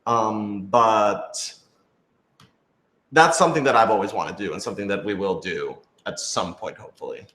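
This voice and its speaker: In a lowish, somewhat bright voice, a man who creates radio dramas responds to fan questions during a relaxed panel, pausing to think and rephrase. His pace is moderate, and the recording has an echoey, roomy sound.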